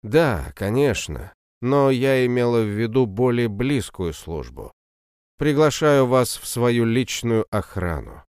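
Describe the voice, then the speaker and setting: A man reading the lines of a young empress in an audiobook, formal and measured. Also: mid-range voice, big pitch swings, a little mellow, clear, resonant tone, no room sound, studio quality. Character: young empress, composed and calculating.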